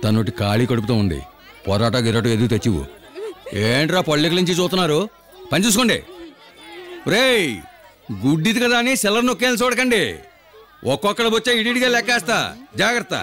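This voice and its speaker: Actor playing a bossy beggar-gang boss, rapid scolding delivery, faint crowd behind. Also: male voice, medium pitch, natural voice. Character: gruff man bossing a gang of beggars. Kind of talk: dubbed film dialogue.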